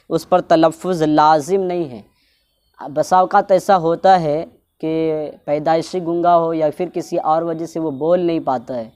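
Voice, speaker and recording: A woman's voice: fairly low pitch, a little mellow. A woman giving a religious instruction talk, explaining at length, repeating her points and drawing out words to show how they should be pronounced. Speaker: religious teacher.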